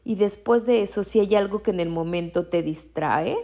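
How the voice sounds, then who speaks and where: A woman's voice: mid-range voice, normal speed, dark tone. A woman with a Mexican accent, a coach for women entrepreneurs, giving motivational podcast talk in an encouraging way and repeating her key phrases.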